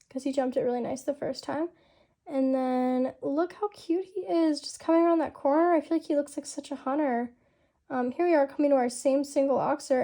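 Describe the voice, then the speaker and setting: A woman's voice: sits high, mellow. A young woman casually narrating a voiceover of her horse show rounds, chatty and filler-heavy, saying "like" constantly. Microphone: home-recorded voiceover.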